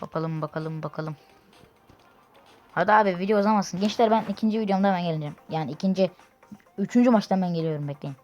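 A woman doing casual gameplay commentary from her room, excitable and cursing at teammates. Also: lowish voice, fast, pauses often, highs cut off. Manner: excitable, swears and shouts at teammates. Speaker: gaming YouTuber. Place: own room at home. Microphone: faulty desk microphone. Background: loud game music.

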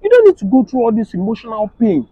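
Sensible counselling bystander, played by a man, thirties, Nigerian West African accent, emphatic, swinging high pitch, comedy skit. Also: very animated, fast talker, muffled recording, a little hiss or hum. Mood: emphatic, reassuring. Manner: emphatic, advising, repetitive. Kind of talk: naturalistic comedy skit acting. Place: outdoors on a street.

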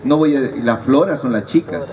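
A man's voice: mid-range voice, normal speed. A man giving a humorous preaching talk at a youth retreat and teasing his audience. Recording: distant mic, audible crowd, noisy.

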